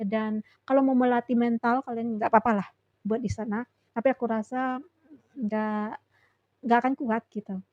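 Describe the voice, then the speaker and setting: A woman's voice: a little high, no room sound, muffled recording. A young woman vlogger telling a personal story in a casual, rambling way with many fillers.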